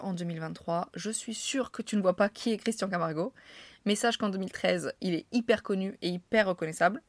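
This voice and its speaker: A young woman from France tells her stories in a chatty, slangy way, poking fun at herself and laughing often. Her voice sits a little low, and the recording is dry and close with no room sound. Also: no room sound. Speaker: vlogger telling anecdotes. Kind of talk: casual storytelling to camera.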